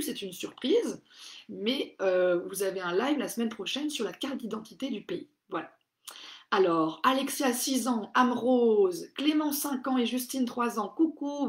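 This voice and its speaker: A woman's voice: a little high, roomy sound. A woman hosting a live craft workshop for children, cheerfully greeting viewers by name and reading their comments aloud.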